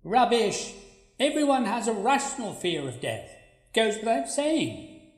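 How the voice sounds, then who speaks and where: A woman's voice: on the high side, sing-song, a little slow, faint music behind. A woman voicing the blunt, sulky ghost of a plain young woman, with curt, needling replies in a radio play. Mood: deadpan. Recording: echoey, roomy sound.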